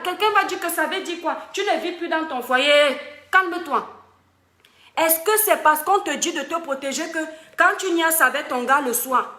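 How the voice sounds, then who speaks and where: A woman lectures her followers in a high, sharp-edged voice. She talks casually but emphatically, preaching warnings and asking them directly if they are listening. The recording has a roomy echo. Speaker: online advice host. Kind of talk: casual advice monologue to followers.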